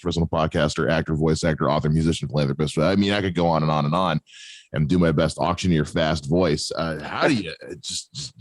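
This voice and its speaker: A man hosting a casual podcast, rambling and self-deprecating with frequent restarts. His voice is very low, and it is recorded dry with no room echo. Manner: rambling, joking, halting with restarts. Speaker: podcast host.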